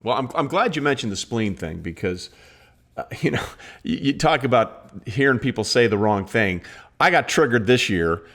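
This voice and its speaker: A man hosting a casual podcast interview who talks in an animated way and reacts emphatically to his guest. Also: mid-range voice, moderate pace. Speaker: podcast host.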